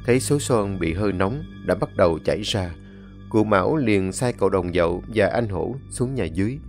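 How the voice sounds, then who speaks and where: A man narrates a scripted story in a measured, even voice that sits on the low side. Soft background music runs under his telling.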